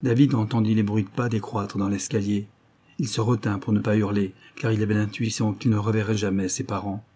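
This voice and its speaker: Deep dark-voiced male audiobook narrator. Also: flat delivery, brisk, slightly rough.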